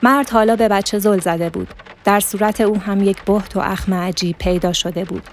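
A woman reading a literary story aloud as narrator, in a steady, measured manner. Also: mid-range voice, a little hiss or hum.

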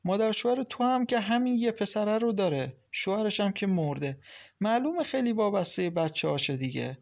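A man's voice: sits high, creaky, voice pushed up. A man voicing a caring, talkative young wife who gives kind, lecturing advice in an audiobook. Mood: advising. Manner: lively, reassuring, lecturing kindly. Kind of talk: audiobook character reading.

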